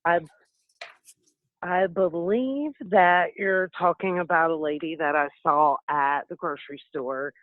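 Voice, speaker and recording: Brief: woman team member, plain steady storyteller, dry tinny phone line. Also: fairly low pitch, unhurried, no room sound. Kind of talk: casual storytelling.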